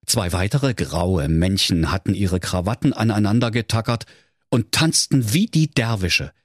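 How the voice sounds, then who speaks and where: Animated male fairy-tale storyteller. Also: lowish voice, measured pace, no room sound, clean studio sound. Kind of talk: comic fairy-tale narration for children.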